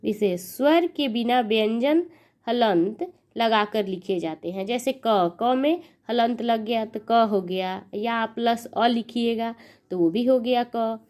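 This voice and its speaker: A woman's voice: on the high side, takes it slowly, a little mellow. A young woman teaching a grammar lesson, spelling words sound by sound and counting each sound aloud. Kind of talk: slow explanatory grammar lesson.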